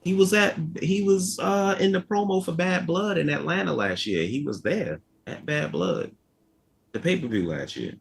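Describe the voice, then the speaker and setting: Co-hosting a casual podcast chat, a young man from Baltimore, Maryland, talks with a Baltimore accent in a slightly high, animated voice with vocal fry and a bit of roughness. His moderate-paced delivery is relaxed and wandering.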